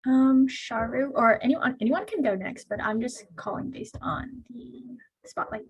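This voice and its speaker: A woman's voice: sits high, very animated, a little slow, slight background noise. A young woman who moderates a student panel on a video call, friendly and organized.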